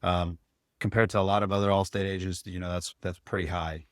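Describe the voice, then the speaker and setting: A man talking candidly as a guest in a podcast interview, relaxed, with frequent restarts. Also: deep voice, fairly quick, no room sound, clean studio sound. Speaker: guest insurance agent.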